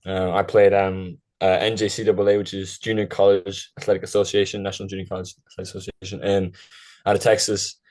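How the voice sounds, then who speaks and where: A man's voice: deep voice, flat delivery, quick pace, darkish tone. A young man who grew up in Ireland, a guest on a podcast, talking casually and rambling with lots of fillers and self-corrections. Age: young adult.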